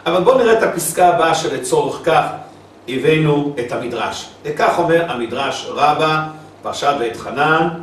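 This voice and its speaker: A man's voice: a little high, expressive. Man teaching a text in an echoey room. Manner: reads a text, then explains it in plain words; thinks aloud with small asides. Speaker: Torah teacher. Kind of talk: recorded religious lesson. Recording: echoey room, distant mic, faint hiss.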